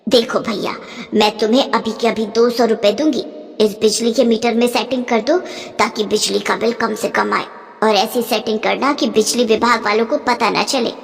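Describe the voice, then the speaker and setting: A woman's voice: a little high, steady tone, normal speed, creaky, big-room sound. A woman playing a stingy, scheming older mother-in-law who scolds and bosses her family. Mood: grumbling. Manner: scolding, penny-pinching, bossy.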